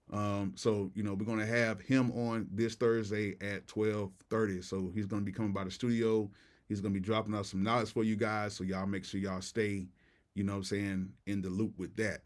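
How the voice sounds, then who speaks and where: A man's voice: fairly low pitch, a bit bright. American man livestreaming with retainers in. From Tampa, Florida. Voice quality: slightly off articulation from wearing retainers. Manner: slangy, repeats greetings and phrases. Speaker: livestream host and music producer. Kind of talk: casual livestream chat.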